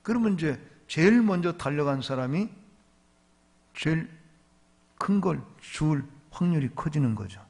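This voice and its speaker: A pastor preaching at a revival meeting, telling a story with lively delivery and questioning the congregation. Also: male voice, fairly high pitch, measured pace, vocal fry, long pauses. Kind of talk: revival sermon.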